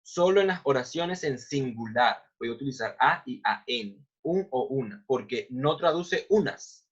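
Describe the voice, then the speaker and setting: Husky-voiced man teaching grammar. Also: mid-range voice, expressive, highs cut off. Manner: models English phrases slowly, then explains in Spanish. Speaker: English teacher. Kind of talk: explaining grammar to learners.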